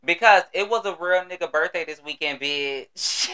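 A man's voice: on the high side, moderate pace, pushed and bright, clear, resonant tone. An American man hosting a casual solo podcast, with a sassy, exuberant manner and salty, slangy talk. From United States. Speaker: podcast host.

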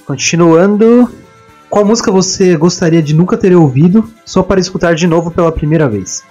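A man's voice: high-pitched, fairly quick, mellow, lo-fi sound, faint music behind. A man with a Brazilian Portuguese accent hosting a casual, slangy chat and putting questions to others. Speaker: host asking questions.

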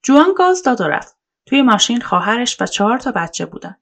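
A woman narrating a true-crime story in a colloquial, measured storytelling voice, as a podcast narrator. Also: fairly high pitch, big pitch swings.

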